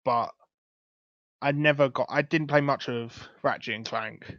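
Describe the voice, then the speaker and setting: A young man hosts a podcast, chatting casually and enthusiastically and rambling a bit. His medium-pitched voice is fairly even in intonation and a little slow, captured as a dull, lo-fi, dry recording with no room sound.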